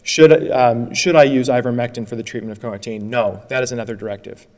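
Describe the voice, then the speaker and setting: A man arguing as an attorney before an appeals court, brisk and earnest, often restarting his phrases. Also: mid-range voice, steady tone, darkish tone. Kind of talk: courtroom oral argument. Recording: long courtroom reverb.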